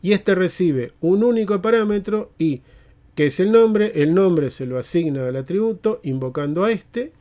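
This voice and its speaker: A man's voice: sits high, lively intonation, normal speed, dark tone. A man teaching a live online programming class, explaining step by step and checking in with tags like "eh?" and "mm?". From Argentina.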